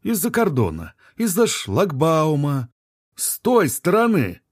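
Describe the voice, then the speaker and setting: Man doing an excitable high-voiced biologist. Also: slow pace, no room sound, clean studio sound, full character voice. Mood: ominous teasing. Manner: eager, exclamatory, wheedling. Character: excitable middle-aged male biologist, station chief.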